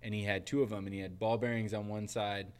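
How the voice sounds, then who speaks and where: A man with a fairly low voice hosting a casual podcast. He is relaxed and chatty, leading questions and telling stories at an easy pace. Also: fast talker, smooth. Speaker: podcast host. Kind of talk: casual faith podcast chat.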